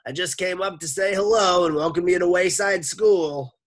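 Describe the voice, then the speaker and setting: A man's voice: sits high, moderate pace, pitched above the performer's own voice. Man putting on a cheerful lady behind a door. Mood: welcoming. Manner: cheerful, welcoming. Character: friendly woman speaking through a door.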